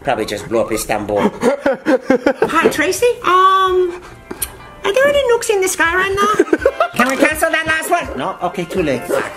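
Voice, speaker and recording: A woman's voice: high-pitched, wildly swooping pitch, normal speed, pauses often, loud music behind the voice. A woman playing a crude, boastful joke president in a comedy skit, brash and giggly. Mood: brash mocking.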